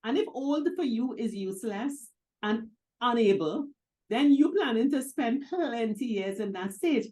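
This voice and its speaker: A middle-aged woman co-hosting a talk show, emphatic and quick to laugh. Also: a little high, lively intonation, darkish tone. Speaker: co-host. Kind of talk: casual talk-show chat.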